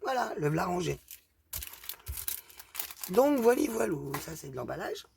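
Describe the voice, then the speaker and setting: A woman with a strong regional accent shows off a craft haul in casual show-and-tell, speaking hesitantly with plenty of fillers. Her voice sits on the low side and is very animated, unhurried, a little mellow, and touched with vocal fry, with slight background noise.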